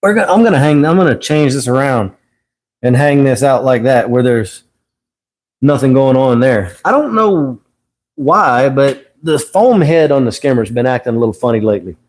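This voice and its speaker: A man's voice: medium pitch, animated, normal speed. A middle-aged man hosting a casual livestream, rambling as he teaches and often correcting himself with a chuckle. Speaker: host of an aquarium livestream.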